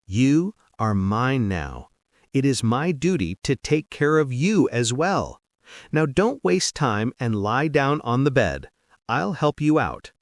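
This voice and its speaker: A man's voice: a little high, very animated, a little slow, no room sound, clean studio sound. A man voicing a teasing, seductive noblewoman.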